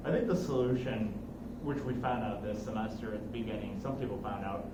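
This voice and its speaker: With a fairly low, fairly quick voice, a man acting as course instructor chats casually through technical material, often repeating and rewording things. The room is noisy and echoey, and he's positioned well away from the mic.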